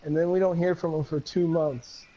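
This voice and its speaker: Guest man, higher voice, swears a lot and rambles heatedly; dull lo-fi mic. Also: flat delivery, moderate pace, background noise. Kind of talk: casual chat.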